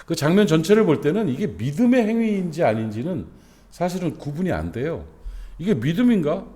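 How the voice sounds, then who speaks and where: A man's voice: fairly high pitch, very animated, a little fast, warm tone. A middle-aged man, a senior pastor, preaching a dawn service sermon in a conversational way, with rhetorical questions and many fillers, rising to emphasis on his main points.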